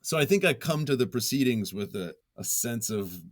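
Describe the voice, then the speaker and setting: With lively intonation at a moderate pace, a medium-pitched man chats as an interview guest who writes and works as a journalist. His manner is goofy and self-deprecating, full of frequent chuckles, captured in a dry, clean studio recording.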